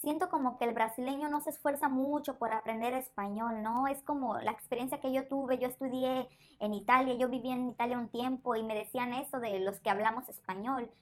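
A woman's voice: fairly high pitch, steady tone, fairly quick. Curious woman asking questions. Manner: curious, asks follow-up questions. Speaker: interviewer. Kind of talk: conversational podcast interview.

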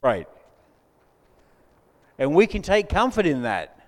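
A man's voice: a little high, wildly swooping pitch, slow pace. A man preaching a sermon as pastor, conversational with joking asides to the congregation, on a mic in a church hall. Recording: long hall reverb.

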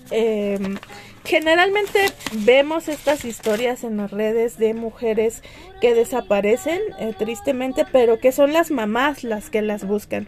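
A woman hosts a podcast in a loose, chatty way, full of fillers and restarts. Her voice sits fairly high with a mellow, warm tone, and faint music plays behind her. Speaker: podcast host. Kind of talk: casual book recommendations.

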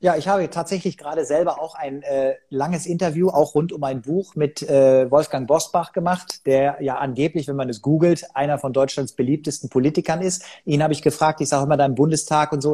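A sales trainer being interviewed, a man with a somewhat high, husky voice. His tone stays mellow and warm. He makes his points emphatically and slips into the voices of the people he quotes. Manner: emphatic, acts out quoted dialogue. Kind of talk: podcast interview.

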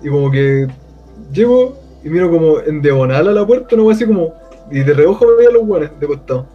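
A man's voice: fairly high pitch, expressive, fairly quick, highs cut off, faint music behind. A man with a Chilean accent, a podcast co-host, telling a story in casual, crude slang and acting out the people in it. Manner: crude slangy storytelling, acts out quoted voices.

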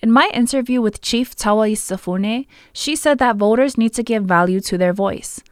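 A woman's voice: a little high, moderate pace, smooth, no room sound, clean studio sound. A woman reading scripted narration as the host of a podcast.

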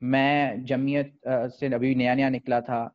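A man's voice: medium pitch, little pitch movement. Pakistani-accented man, slightly muffled audio. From Lahore, Pakistan. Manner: code-switches between English and Urdu, halting, thoughtful phrasing. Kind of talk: reflective conversational storytelling.

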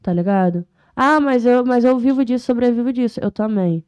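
Young woman from Rio, warm, slangy and emphatic. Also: a little high, a little fast, clear, resonant tone, dull audio. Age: 20s. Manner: street slang, emphatic and heartfelt. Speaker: rapper guest. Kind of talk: casual podcast interview.

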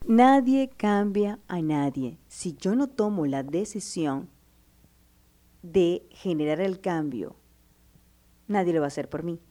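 A fairly low, dark-toned woman's voice, expressive and unhurried, delivers motivational advice. She lovingly calls the listener "my love," stresses each point with feeling, and plays out the doubts in the listener's head.

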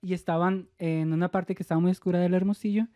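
A woman's voice: on the low side, fairly even intonation, quick pace, mellow, dry recording, clean studio sound. A woman from northwest Mexico, chatting casually and telling her own story in a chatty way. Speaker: conversation partner. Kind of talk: casual chat.

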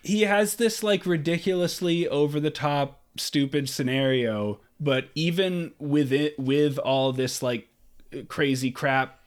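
A man's voice: fairly high pitch, takes it slowly, smooth. A man co-hosting a podcast, ranting profanely and scornfully about a movie in casual chat. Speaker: podcast co-host.

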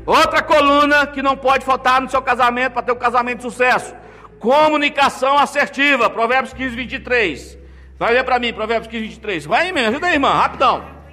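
A man preaching a lively marriage sermon, joking and calling out to the congregation as he acts out little scenes. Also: very high-pitched, brisk. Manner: animated, jokey, calls out to congregation. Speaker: pastor.

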